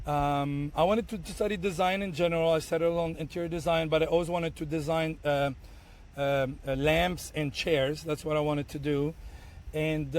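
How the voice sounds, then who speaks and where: A Tunisian bartender in his thirties, a native Arabic speaker, guests on a casual podcast and tells stories with energy, acting out things he once said and restarting often. His voice is a touch higher than most men's.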